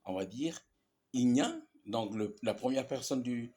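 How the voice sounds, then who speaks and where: A male teacher walks through grammar examples at an unhurried pace. He repeats each word, drawing it out slowly, and checks in with "ok?" as he goes. His pitch moves around a lot as he stresses the examples. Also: expressive, mellow. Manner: patient, repeats examples, many fillers and checks with "ok?". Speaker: language teacher. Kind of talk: explaining grammar in a language lesson.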